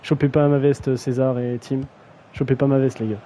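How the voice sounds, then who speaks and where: A man's voice: mid-range voice, little pitch movement, moderate pace, warm tone, a little hiss or hum, poor audio. A young man casually commentating a video game match on a live stream, slangy and self-mocking, often stumbling over player names.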